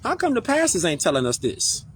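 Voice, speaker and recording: Casual host, high animated voice, preachy and slangy. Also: male voice, a little fast, slight background noise. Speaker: social media commentator. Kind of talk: casual live-stream talk, reading definitions aloud.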